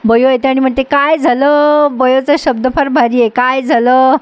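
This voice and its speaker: A woman with a high, bright-toned voice tells a story in a chatty, friendly voice-over and speaks straight to her listeners. The sound is close and dry, with no room around it. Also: little pitch movement, fairly quick, smooth, no echo, highs cut off. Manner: chatty, addresses the viewers directly. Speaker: storyteller recapping a TV serial.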